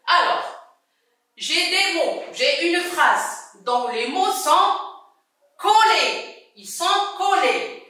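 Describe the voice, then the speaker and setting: Slow, echoey woman teaching small children. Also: very high voice, expressive, pushed and bright, distant mic. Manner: slow, repeats words and syllables, praises often. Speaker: primary school teacher. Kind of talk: slow classroom lesson for young children. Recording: echoey room, voice away from mic.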